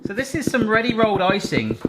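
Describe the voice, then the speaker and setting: A man's voice: high voice, sing-song, quick pace. A man hosting a home cooking vlog, chatting and joking as he explains each baking step in his kitchen. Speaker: cooking channel host. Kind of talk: casual cooking vlog chat. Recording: echoey room with faint noise.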